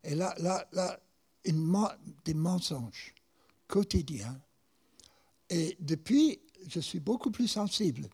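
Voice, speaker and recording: A man with an American accent delivers a sermon in a high, lively voice that rises and falls a lot. His pace is slow and deliberate, and he often repeats words as he tells a story. The voice has a gravelly, husky edge. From United States. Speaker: preacher.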